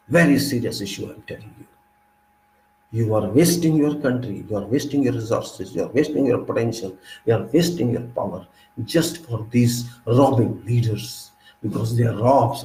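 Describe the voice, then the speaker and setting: Guy ranting politics, preachy and repetitive, echoey room, faint hiss behind. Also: medium pitch. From India. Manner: forceful, lecturing and repetitive, with sudden loud rises. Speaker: political commentator. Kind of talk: monologue speech.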